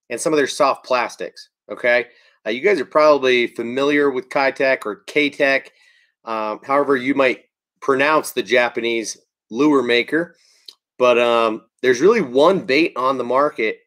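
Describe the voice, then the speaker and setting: A man's voice: mid-range voice, a bit bright. A man in his thirties hosting a casual fishing livestream from home, chatting easily and greeting viewers by name.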